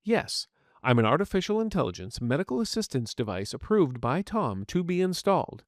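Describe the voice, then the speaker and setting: In an audio story, a man voices a polite, earnest AI medical assistant, speaking formally and courteously in a clinical, explanatory mood. His voice is on the high side, sing-song and brisk. The scripted character narration is recorded in clean studio sound with no echo.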